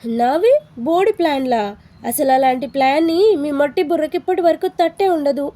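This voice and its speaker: A feisty, quick-tempered young woman assistant, voiced by the narrator. She answers back with sharp sarcasm. The voice sits high, with a soft, mellow tone. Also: natural voice. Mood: indignant.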